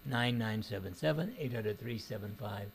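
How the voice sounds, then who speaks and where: A man's voice: lowish voice, normal speed, gravelly, slightly rough. A man hosting a call-in talk radio show, blunt and outspoken in his opinions.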